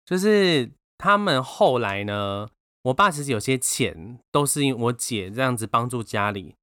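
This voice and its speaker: A man with a Taiwanese Mandarin accent, co-hosting a casual podcast chat and telling a family story with animated bursts of laughter. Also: medium pitch, moderate pace, no room sound. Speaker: podcast co-host.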